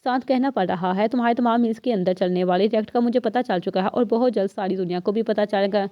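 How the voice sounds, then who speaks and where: A woman's voice: medium pitch, close to an everyday voice. A woman reading a defiant young woman agent. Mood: defiant accusing. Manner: accusing, defiant. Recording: dull, slightly lo-fi dry recording.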